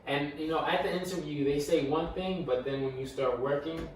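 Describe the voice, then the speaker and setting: Telling a story with lots of energy, this young podcast co-host stutters and repeats himself as he goes. He talks at a moderate pace in a slightly high voice. The sound comes from a distant mic in an echoey room with a little noise.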